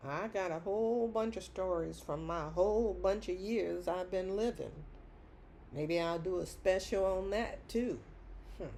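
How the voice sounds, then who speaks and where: A middle-aged woman records a rambling personal monologue in a lowish voice, laughing often between phrases. She talks very slowly and repeats her points for emphasis. A faint hum of room noise sits behind her. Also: warm tone. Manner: emphatic repetition. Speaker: vlogger.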